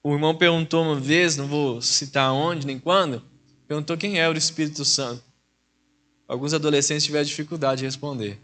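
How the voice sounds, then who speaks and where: Man, deacon, Mineiro Brazilian accent, high voice, conversational sermon, church. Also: steady tone, fairly quick, a bit bright. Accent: Mineiro Brazilian Portuguese. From Minas Gerais, Brazil. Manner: conversational preaching, addresses the congregation as brothers. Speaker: deacon preaching.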